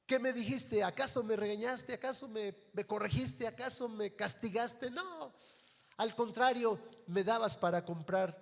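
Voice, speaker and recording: A man acting out a condemned young man who shouts bitter accusations at his mother, in a long reverberant hall. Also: high-pitched, voice pushed up.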